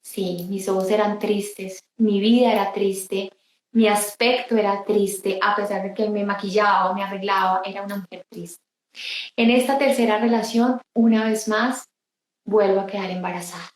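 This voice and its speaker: A woman giving an emotional personal testimony in an interview, halting and restarting often. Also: mid-range voice, fairly even intonation, echoey room, low-quality recording. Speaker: interview guest.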